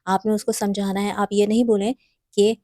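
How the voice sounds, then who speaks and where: Addressing mothers directly, a medium-pitched woman offers parenting guidance steadily and instructively in a mellow, warm voice. Her close, dry recording has no echo or room sound.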